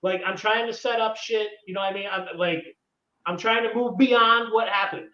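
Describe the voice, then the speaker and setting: A man's voice: sits high, steady tone, moderate pace, pushed and bright. A man in his thirties hosting a podcast, telling a story in an exasperated, profane rant. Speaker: podcast host. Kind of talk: ranting casual chat. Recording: echoey room, distant dull mic.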